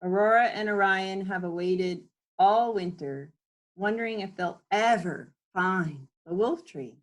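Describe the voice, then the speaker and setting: Reading a children's book aloud at home in a mid-range voice, a woman takes her time and pauses for casual explanatory asides as she goes.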